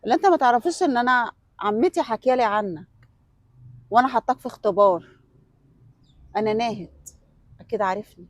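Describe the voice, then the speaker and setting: Brief: actress as a self-assured young woman, Egyptian accent, quick and bright. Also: fairly high pitch, dry recording, lightly acted. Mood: confident. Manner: pleading at first, then calm and self-assured. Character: composed young woman testing a suitor. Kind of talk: web sketch acting.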